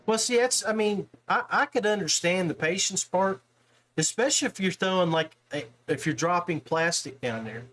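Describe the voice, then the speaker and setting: Over slight background noise, a man hosting a podcast has a relaxed, folksy conversation with a guest about fishing, the guest's hobby. His fairly bright voice sits high, with lively intonation and a normal pace.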